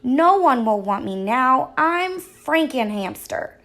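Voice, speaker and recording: A woman voicing a vain, excitable young female hamster who gets theatrical and wails when upset, in a read-aloud storybook. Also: sits high, slow pace, voice pushed up, exaggerated voice. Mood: wailing.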